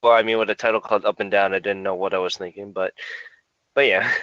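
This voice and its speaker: A man's voice: on the low side, steady tone, fast, no echo, dull audio. A man co-hosting a casual music podcast, rambling a little with fillers and chuckles. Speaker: podcast co-host.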